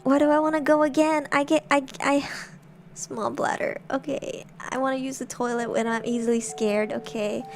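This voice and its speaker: A woman's voice: high voice, level tone, normal speed, gravelly, a little mellow, slight background noise. A woman streamer chatting casually in her bedroom while reading horror stories, talking in a jumpy, giggly way. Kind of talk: casual livestream chat.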